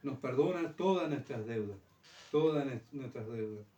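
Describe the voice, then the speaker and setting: A man's voice: mid-range voice, expressive, moderate pace, dark tone, dull audio. A male pastor preaching a sermon, asking the church rhetorical questions and repeating his key phrases. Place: church hall. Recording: roomy church sound, mic far off.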